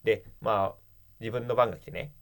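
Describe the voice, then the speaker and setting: A man's voice: lowish voice, steady tone, moderate pace. A young man telling a rambling, funny story in casual free talk, laughing as he goes and acting out the lines he quotes. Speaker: podcast co-host.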